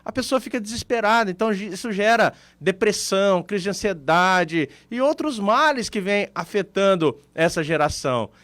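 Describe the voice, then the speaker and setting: High-voiced Brazilian man talking radio. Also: expressive, normal speed, few pauses, a bit bright, dry recording. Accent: Brazilian Portuguese. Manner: conversational, explains with everyday examples. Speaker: radio show co-host. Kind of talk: casual radio talk.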